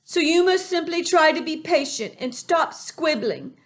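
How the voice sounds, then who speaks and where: A woman reading a storybook aloud, voicing a big, kindly male giant who gets excited and mixes up his words. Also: unhurried. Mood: eager. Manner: excited, high and loud, tumbling made-up words. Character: big gentle friendly male giant, muddled speech.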